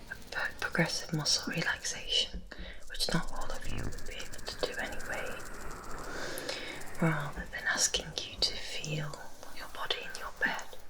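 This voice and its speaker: A woman whispers a guided ASMR relaxation in a breathy, unvoiced voice. Her delivery is very slow and deliberate, sitting on the low side. She is soothing, lingering on words and softly repeating them. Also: rough recording. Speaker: ASMR host guiding relaxation.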